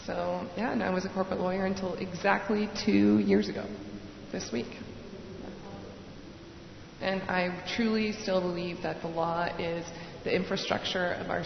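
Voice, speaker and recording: A woman from Hong Kong speaks at a panel event in a low, gravelly, flat voice. She tells her story reflectively, with frequent fillers. The sound is dull and echoes through a hall. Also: moderate pace, slight background noise.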